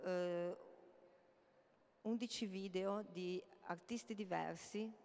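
A woman's voice: medium pitch, creaky, darkish tone. A middle-aged woman, an artist, presenting her projects at a conference, speaking into a handheld mic with many hesitations. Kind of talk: public talk at a conference. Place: large hall, indoors. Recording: long reverb of a large hall.

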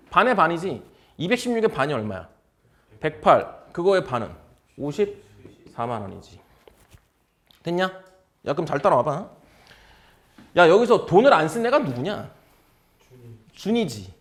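Lively casual male exam lecturer. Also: a little high, unhurried, long pauses. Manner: drilling with constant check questions; blunt informal speech.

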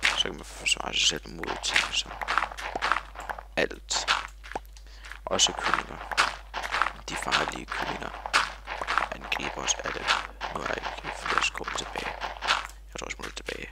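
A man's voice: extremely low pitch, gravelly, long pauses, very noisy. A man giving rambling, silly video game commentary, full of fillers and talking to himself. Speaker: gamer.

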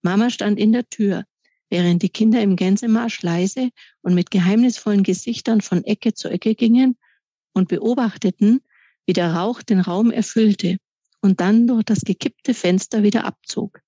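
A woman author reading aloud from her children's book in calm, measured storytelling. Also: mid-range voice, no echo. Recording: dry, slightly dull recording.

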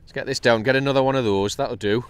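Talking fast in a smooth, mid-range voice, a kayak angler from North East England chats happily through his fishing vlog at sea. The clip comes from an action camera mounted on his kayak, and his excitement spikes when a fish takes the bait.

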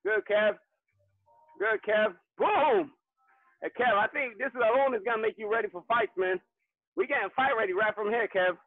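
High-voiced male boxing coach calling combos. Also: expressive, normal speed, no echo. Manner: informal, encouraging. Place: online group video class. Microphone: video call. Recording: tinny phone-like video-call audio.

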